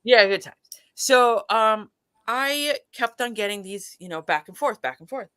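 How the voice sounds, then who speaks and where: A woman in a casual chat as a guest, telling a lab story with lively acted-out quotes and many restarts. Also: fairly high pitch, measured pace, smooth.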